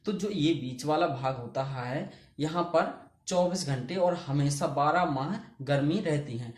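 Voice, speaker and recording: A man's voice: fairly high pitch, a little slow. Echoey teacher questioning his class. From India. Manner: asks the class questions and answers them himself. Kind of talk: classroom geography lesson.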